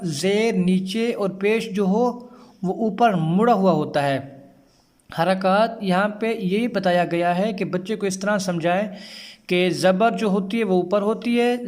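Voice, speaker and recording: A man teaching Quran reading in a recorded lesson. He explains patiently, step by step, and draws out chanted syllables. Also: high-pitched.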